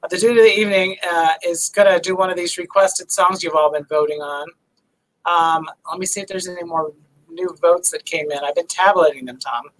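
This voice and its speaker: A woman's voice: fairly low pitch, steady tone, brisk, rough recording. A woman hosting a livestreamed theater cabaret, chatting in a bubbly way and reading out viewer comments. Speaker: host of a livestreamed cabaret show. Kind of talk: casual live-stream chat.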